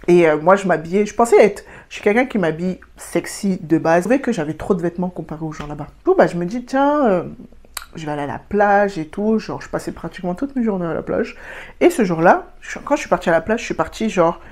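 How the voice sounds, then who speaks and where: A woman's voice: on the low side, fast. A young woman from France with a French accent, telling travel stories in a chatty, casual storytime vlog and dropping in English words. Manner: chatty, animated, slangy with English words mixed in. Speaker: travel vlogger.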